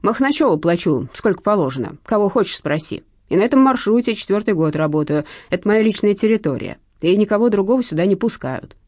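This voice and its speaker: Woman reader doing a cowardly thieving lowlife, whining, mellow dark tone. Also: animated, fast talker, hardly any pauses, dry recording, clean studio sound, lightly acted. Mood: hissing. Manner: whining, pleading, rough slang. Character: whining small-time male pickpocket, scared and sly.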